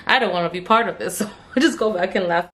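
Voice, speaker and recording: A woman's voice: medium pitch, brisk, a bit bright, slight background noise. A young woman chatting through a storytime while doing her makeup, full of "like" and laughing as she talks. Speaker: beauty vlogger.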